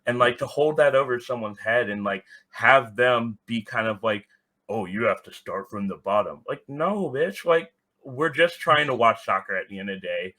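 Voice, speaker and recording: A man with a medium-pitched, animated voice and a sharp tone talks at normal speed as a podcast guest. He organizes a soccer supporters group and keeps the conversation casual and candid, speaking bluntly, swearing occasionally, and using "like" constantly.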